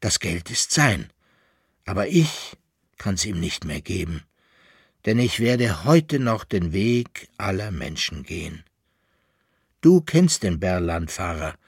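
A man's voice: low voice, big pitch swings, slow, pauses often, slightly rough, no room sound, clean studio sound, heavily acted. A man voicing a weak, dying old man giving his last instructions in a storybook reading. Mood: weary.

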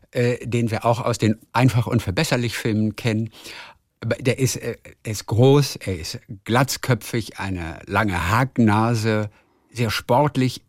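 A man hosting a radio interview, asking brisk, chatty questions. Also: mid-range voice, a little mellow, no room sound, clean studio sound. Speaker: radio host.

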